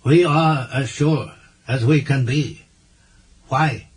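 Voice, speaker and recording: A man voicing a stern, formal male alien governor in an audiobook, speaking firmly and with measured weight, husky-voiced. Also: medium pitch, voice pushed up.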